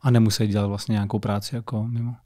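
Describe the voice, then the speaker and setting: A man's voice: fairly low pitch, level tone, warm tone. A man co-hosting a podcast who asks a guest casual, chatty questions full of fillers. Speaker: podcast co-host.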